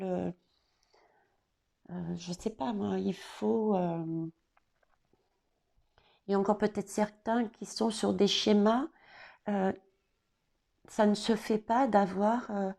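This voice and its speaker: A woman giving an oracle card reading, talking straight to the viewer and pausing often on fillers. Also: mid-range voice, vocal fry, dark tone. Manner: hesitant, many fillers and restarts, addresses viewers directly. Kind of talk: casual spoken card reading.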